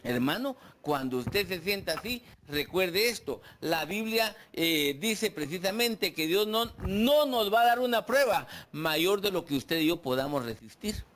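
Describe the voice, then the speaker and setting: A man's voice: high voice, expressive, unhurried, hardly any pauses, a bit bright, slight background noise. A man preaching a sermon, putting questions to the congregation and acting out their complaints. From Guatemala. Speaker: pastor. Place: church.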